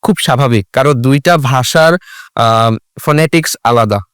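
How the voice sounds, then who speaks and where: A man's voice: mid-range voice, normal speed, a bit bright, smooth, no echo, studio quality. A man explaining English exam topics as a guest, switching between English and Bengali. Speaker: IELTS expert guest. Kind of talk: explanatory talk.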